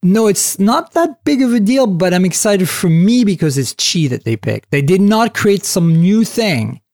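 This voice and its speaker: Animated chatty male podcast host. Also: sits high, normal speed, no room sound. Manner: animated, chatty, many fillers and restarts. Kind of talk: casual tech podcast chat.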